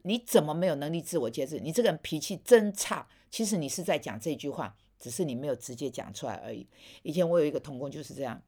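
A woman preaches in a fairly low voice, earnest and searching. She presses her listeners with pointed rhetorical questions, then sinks to a soft, hushed tone when telling a story. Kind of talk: sermon.

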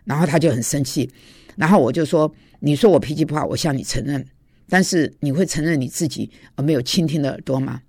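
Slightly high-voiced male preacher, dry sound. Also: quick pace, darkish tone, breathy edge, dry recording. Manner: storytelling, confessional, many hesitations. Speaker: seminary teacher and preacher. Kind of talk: informal devotional talk.

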